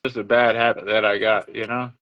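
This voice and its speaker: A man hosting a livestream chats casually and tells everyday stories, a talkative storyteller who acts out what other people said. His voice sits fairly low, with little pitch movement, and he talks a little fast. The audio is dull and lo-fi.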